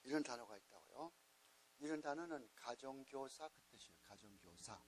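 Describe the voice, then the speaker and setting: A man's voice: medium pitch, lively intonation, normal speed, slight background noise, low-quality recording. A man lecturing a class as a Bible teacher, patiently spelling things out and repeating key words. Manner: repetitive, coaxing teacher spelling out letters. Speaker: Bible teacher at a missionary training school.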